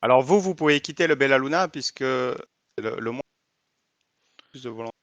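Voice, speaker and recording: A man's voice: medium pitch, lively intonation, moderate pace, a bit bright, no echo, dull audio. A man chatting casually as a fellow player in a tabletop card game, adding short remarks.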